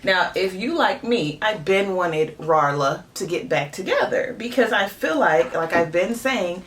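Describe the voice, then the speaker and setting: A woman chatting casually in a review vlog, animated and opinionated, with lots of filler asides. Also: on the low side, unhurried, distant mic. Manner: chatty and animated, many "you know" fillers. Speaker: TV show reviewer.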